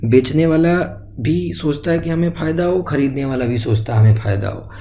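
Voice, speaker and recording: Male teacher, explanatory lecture, raised pitch, mellow tone, self-questioning delivery; faint noise. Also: brisk, poor audio. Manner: explains step by step, asks and answers own questions; mixes English terms into Hindi. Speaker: exam-prep teacher.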